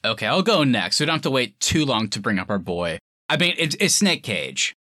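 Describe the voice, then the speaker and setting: Male podcast host, bright and forward, enthusiastic informal movie talk, close dry sound. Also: medium pitch, big pitch swings, a little fast, dry recording. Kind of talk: casual film review chat.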